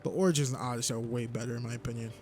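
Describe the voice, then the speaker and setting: A man from Texas giving rambling, casual let's-play commentary with sudden excited outbursts. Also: mid-range voice, racing, faint music behind. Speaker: gameplay commentator.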